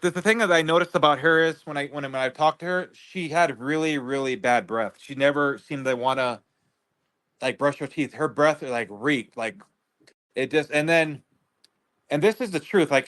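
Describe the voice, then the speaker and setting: A man guest on a livestream, talking in a rambling, halting way with many restarts. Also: on the high side, fairly bright tone. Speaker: guest neighbor. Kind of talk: casual livestream interview.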